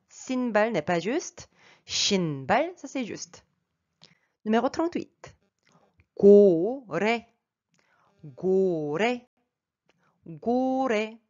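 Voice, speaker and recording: A woman gives a vocabulary lesson at an unhurried pace, explaining each sound patiently and saying every word several times. Her voice sits in a middle register, and the recording sounds a little dull and lo-fi. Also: mid-range voice. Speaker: language teacher.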